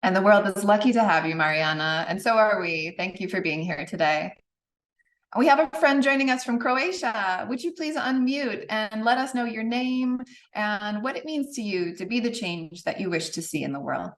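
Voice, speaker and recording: A woman's voice: medium pitch, expressive, moderate pace. A woman from the United States moderating an online panel over a video call, welcoming each speaker. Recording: roomy, distant from mic.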